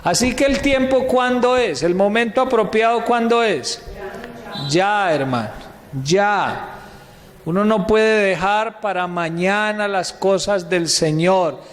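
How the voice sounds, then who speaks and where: Male pastor, high voice, slow, measured sermon delivery, quizzes the flock and answers himself, long hall reverb. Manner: asks the congregation questions and answers them himself; keeps addressing listeners as "brother". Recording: echoey hall with long reverb, faint noise.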